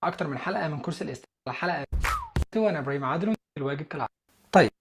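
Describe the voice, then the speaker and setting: A man with an Egyptian Arabic accent teaching an English listening lesson, patiently explaining and repeating sentences slowly. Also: fairly high pitch, lively intonation, creaky, noisy background.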